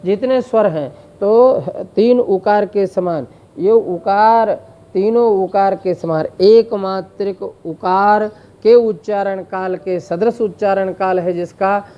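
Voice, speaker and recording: Teaching Sanskrit grammar, this high-pitched man from India draws out vowels for demonstration and fills his slow explanations with frequent fillers. The recording's highs are cut off.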